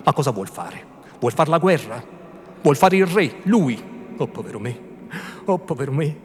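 A man's voice: a little high, big pitch swings, normal speed. A man voicing a fretful timid old priest. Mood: fretful lament. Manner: anxious, scolding, hushed and fussy. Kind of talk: theatrical literary reading. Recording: reverberant hall, faint room noise.

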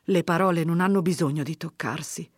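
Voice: medium pitch, no echo, studio quality, close to an everyday voice. A reader voicing an anxious older village mother. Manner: worried, pleading, rapid questions.

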